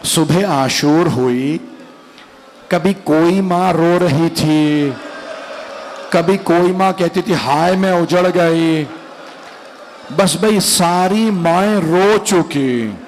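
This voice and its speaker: A man's voice: a little high, very slow, a little hiss or hum. A man, a cleric, delivering a mournful Muharram majlis sermon and speaking straight to his listeners. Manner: mournful, emotional storytelling that addresses the audience directly.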